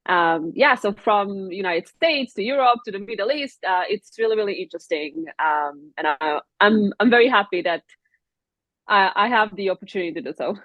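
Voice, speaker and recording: A woman's voice: mid-range voice, moderate pace, no room sound, dull audio. A woman from Israel, a guest on a podcast, answering questions in a friendly manner with many ums and uhs. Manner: friendly, laughs often, fillers like um and uh. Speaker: guest, tech product advocate. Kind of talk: interview answers.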